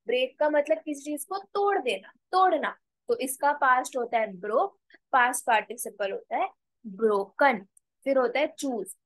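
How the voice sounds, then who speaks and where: A woman teaching a spoken language lesson, slowly repeating words and spelling them out letter by letter. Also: fairly high pitch, fairly bright tone, dry recording, poor audio. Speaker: English teacher.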